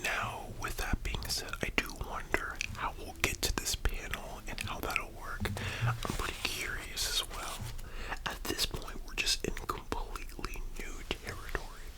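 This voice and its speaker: A person speaking in a soft, breathy whisper, musing casually like an ASMR host in a discussion video. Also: a little slow, poor audio.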